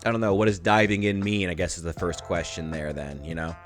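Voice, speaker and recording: A man's voice: deep voice, flat delivery, fairly quick, faint music behind. A man in his thirties talking straight to camera in a candid, rambling vlog monologue, swearing freely and poking fun at himself. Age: 30s. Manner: candid, rambling, profane, self-deprecating. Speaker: YouTuber.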